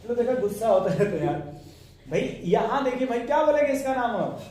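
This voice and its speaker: A man's voice: very high-pitched, big pitch swings, fairly quick, darkish tone. A man teaching chemistry in a classroom, coaxing answers from his students with questions and light teasing. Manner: coaxing, asks students questions, jokes with them. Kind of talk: classroom lecture. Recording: echoey classroom, mic from a distance.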